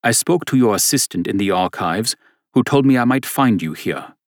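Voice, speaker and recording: An earnest German man in his early thirties, read by a male narrator speaks with a German accent in formal, apologetic phrases. The voice is very low, with a dry, close sound. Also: lively intonation, normal speed, no room sound.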